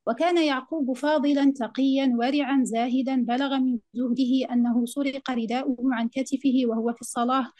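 A woman presenting an academic conference paper, reading it out in a measured, formal way. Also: high-pitched, steady tone, warm tone, dry recording.

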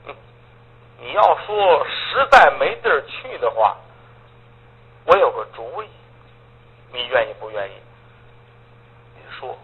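Guy playing a kind old grandpa type, gentle and coaxing, gravelly, tinny phone-like sound. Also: a little high. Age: older. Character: warm-hearted old man, fatherly. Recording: tinny phone-like audio, faint hiss.

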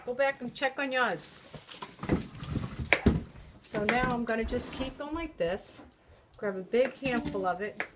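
With a voice on the high side, a middle-aged woman with a New England accent talks through making bread in her home kitchen, kneading the dough by hand in a chatty, coaxing manner while children are around. Another person films on a phone camera, and the home video is noisy.

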